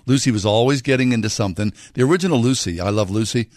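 A man's voice: medium pitch, fast, darkish tone, no echo. A man chatting casually as a radio show host in a studio.

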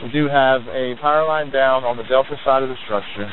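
Fast, urgent male fire commander on tinny radio. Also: medium pitch. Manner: terse, procedural commands. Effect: two-way radio. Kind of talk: urgent firefighter radio traffic. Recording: tinny narrowband radio, background noise.

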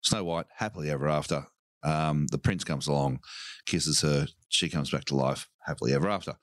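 Deep-voiced man telling a story. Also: brisk, no echo. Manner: animated storyteller, bursts into laughing shouts. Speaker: podcast co-host. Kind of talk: casual storytelling chat.

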